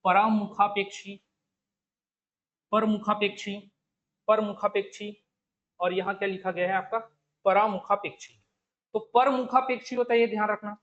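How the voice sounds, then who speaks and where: A man with a Chhattisgarhi Hindi accent teaches an online exam-prep lesson in a high voice. He works through each option step by step and repeats the key words. The recording sounds dull and lo-fi. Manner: explains step by step, repeats the question and the answer over and over.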